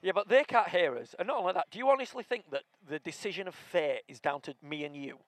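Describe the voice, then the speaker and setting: Higher-voiced man bantering. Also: animated, quick pace, dry recording. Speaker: co-host of a football fan podcast. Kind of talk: casual banter and live match reaction.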